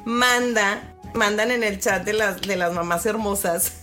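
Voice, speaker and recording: A woman in her thirties with a Mexican accent, chatting casually as podcast co-host and telling an animated story, swearing freely and acting out quotes. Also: mid-range voice, unhurried, soft background music. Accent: Mexican Spanish.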